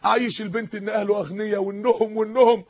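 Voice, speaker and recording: Emotional male preacher with an Egyptian accent; very high, husky voice, impassioned, dull lo-fi recording. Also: fairly even intonation, fast talker. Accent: Egyptian Arabic. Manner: emotional, impassioned, rising to shouts. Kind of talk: impassioned sermon.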